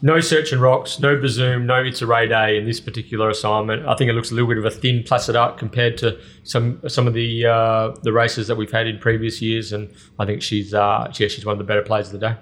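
An Australian man hosting a racing podcast, running through the field in a steady, chatty way. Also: mid-range voice, a little fast, few pauses. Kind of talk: casual racing preview chat.

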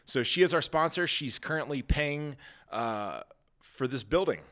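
A man's voice: fairly high pitch, lively intonation, unhurried, a bit bright. A man in his thirties hosting a casual podcast, rambling and laid-back, laughing easily. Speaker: podcast host. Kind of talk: casual chat.

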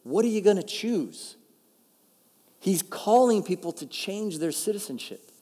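A male pastor preaching a conversational, emphatic sermon, slowing down to stress key phrases. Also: high voice, expressive, dark tone, husky. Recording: long reverb of a large hall.

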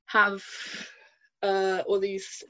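A woman's voice: mid-range voice, monotone, extremely slow, a bit bright, no echo, muffled recording. A woman in her twenties from Germany, a podcast guest chatting casually and hesitantly, full of fillers and restarts. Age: 20s. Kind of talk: casual interview chat.

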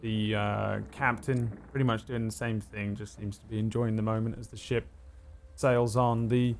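A man narrating a tabletop game as its game master. His voice is gravelly, and he pieces scenes together haltingly, thinking aloud as he goes. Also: on the low side, little pitch movement, slight background noise.

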